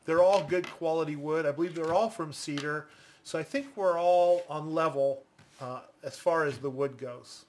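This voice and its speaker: Higher-pitched man giving a casual review. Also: normal speed, a little hiss or hum. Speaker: product reviewer.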